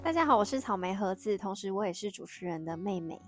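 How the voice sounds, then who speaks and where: A woman's voice: mid-range voice, animated, quick pace, loud music behind the voice. A young woman from Taiwan with a Taiwanese Mandarin accent, a guest chatting casually in a reserved, plain way. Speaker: guest, host's sister. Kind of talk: casual chat. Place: living room of a home.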